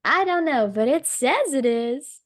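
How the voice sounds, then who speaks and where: A woman co-hosts a casual podcast chat while sick, her voice cutting in and out, and she's blunt and swears freely. She speaks with a high pitch and lively intonation at a measured pace. The recording is studio quality with no echo.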